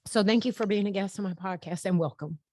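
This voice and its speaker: Woman podcast host, emotional and rambling, mid pitch, dry close mic. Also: fast talker, a little mellow, no echo. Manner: heartfelt, rambling, laughs and tears up.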